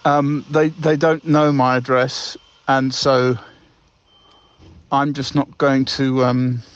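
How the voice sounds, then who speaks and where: Halting man over a landline phone. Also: mid-range voice, level tone, clean tone. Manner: hesitant, halting, full of ums. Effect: heard over a landline phone. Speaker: caller leaving a voicemail. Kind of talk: comedy sketch. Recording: muffled phone-line audio.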